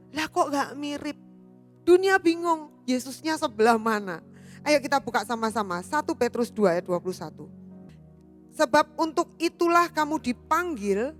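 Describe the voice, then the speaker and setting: High-voiced woman pastor preaching. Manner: animated storytelling, addressing congregation as "saudara". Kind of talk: sermon. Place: church.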